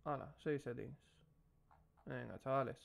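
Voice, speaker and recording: A young man with a Spain Spanish accent, a streamer giving excitable, slangy reaction commentary and swearing freely. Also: mid-range voice, a little slow, gravelly.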